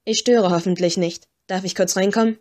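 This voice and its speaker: A woman's voice: medium pitch, steady tone, brisk, a little mellow, lightly acted. A woman voicing a grumpy, stiff middle-aged male police inspector in an audiobook reading. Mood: gruff.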